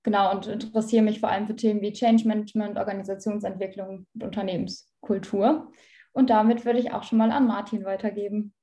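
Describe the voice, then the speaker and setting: Young woman with a warm voice. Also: mid-range voice, steady tone, fast. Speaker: panelist, student. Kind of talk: online launch event presentation.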